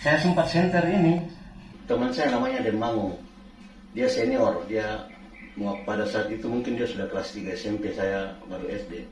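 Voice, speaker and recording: A man casually recounting a true experience, halting and repeating phrases as he goes. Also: lowish voice. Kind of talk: casual spoken storytelling. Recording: roomy, distant mic, faint background noise.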